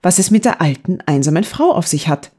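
A woman's voice: lowish voice, expressive, a little fast, mellow, husky. A woman reading a middle-aged maidservant who mutters complaints half to herself in an audiobook. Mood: grumbling. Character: grumbling middle-aged female servant.

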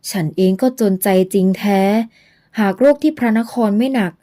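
In this audio novel, a young herbal doctor, earnest and worried, is voiced by a woman narrator. His delivery is measured and gently pleading, with a mellow, warm tone that sits on the high side yet stays close to an everyday voice.

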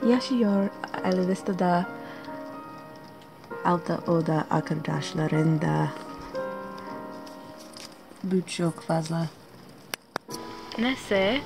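Halting young American woman speaking broken Turkish. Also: fairly low pitch. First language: English. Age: young adult. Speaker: student vlogger. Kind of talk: casual self-introduction vlog in learner's Turkish. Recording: loud music under the voice.

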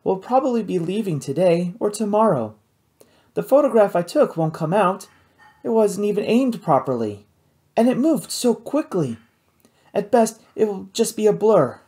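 A woman reading an audiobook, voicing an eager, impulsive young woman scientist with animated enthusiasm. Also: mid-range voice, moderate pace, voice pushed up, lightly acted. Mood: worried.

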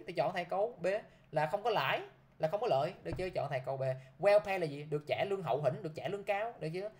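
A man's voice: sits high, darkish tone. A man teaching English vocabulary to a class, who keeps checking with his students by repeating a short prompt.

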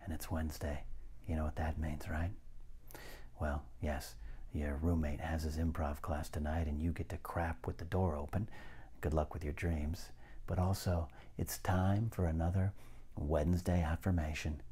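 A man with a very low voice gives a soft-spoken, half-whispered pep talk. He sounds husky and breathy, delivering mock-soothing affirmations to camera with a deadpan touch. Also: moderate pace. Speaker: host of a comic motivational show. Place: living room.

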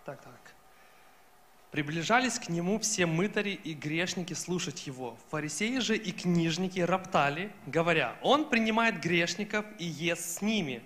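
A man's voice: fairly high pitch, lively intonation, normal speed, few pauses, a bit bright. A young man reading scripture aloud into a handheld microphone on a stage. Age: young adult. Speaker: scripture reader. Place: stage in a large hall.

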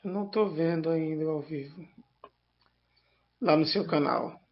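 High-voiced Brazilian man, honking and congested. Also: unhurried, gravelly. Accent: Brazilian Portuguese. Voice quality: honking, duck-like nasal voice. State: congested from an allergy. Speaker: guest co-presenter of a livestream. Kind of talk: casual live chat. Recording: dull, lo-fi online stream audio.

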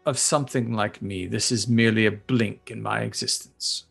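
A man voicing an imperious, bodiless evil brain in a jar in a tabletop game, with a creaky, pompous, commanding voice. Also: lowish voice, steady tone, normal speed, a bit bright, soft background music, heavily acted.

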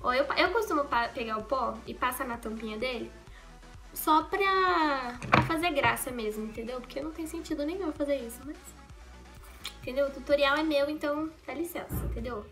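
A young woman from Brazil talks to her viewers while doing her makeup at home. Her voice is high and bright, and she jokes and rambles, correcting herself as she goes. Faint music plays under the recording. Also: normal speed. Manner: chatty and joking, rambling with self-corrections. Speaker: makeup vlogger. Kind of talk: casual get-ready-with-me vlog. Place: at home in a bedroom.

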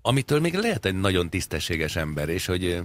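A man's voice: deep voice, sing-song. A man co-hosting a radio talk show, chatting in a wry, rambling way, spinning absurd jokes with frequent hesitations. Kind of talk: comedic casual chat.

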